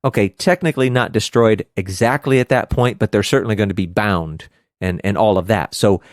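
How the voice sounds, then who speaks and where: A man co-hosting a casual Bible study podcast, animated and quick to laugh, with hammy outbursts. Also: on the low side, no echo, clean studio sound. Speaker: podcast co-host teaching scripture.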